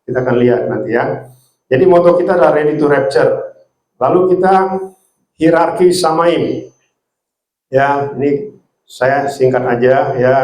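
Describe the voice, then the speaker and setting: A man preaching a sermon, often ending his phrases with a soft "ya". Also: medium pitch, reverberant, rough recording. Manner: repetitive, ends phrases with "ya".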